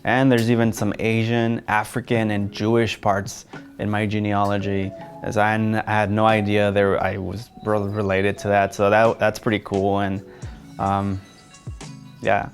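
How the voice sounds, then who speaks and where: A man's voice: fairly low pitch, completely flat delivery, a little slow, faint music behind. A man, an editor, talking casually to camera in a plain, matter-of-fact way.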